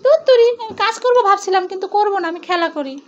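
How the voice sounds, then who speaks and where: A woman's voice: extremely high pitch, fast. A mother in a casual home vlog, playfully coaxing and teasing her small child. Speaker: mother and family vlogger. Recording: lo-fi phone video, faint noise.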